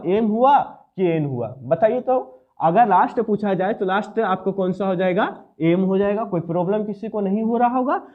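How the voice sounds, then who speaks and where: Male coaching tutor, Bihari Hindi accent, raised pitch, drills steps over and over, lo-fi phone-quality audio. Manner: repetitive, quizzes the viewer, explains step by step. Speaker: math tutor. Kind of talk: classroom lecture.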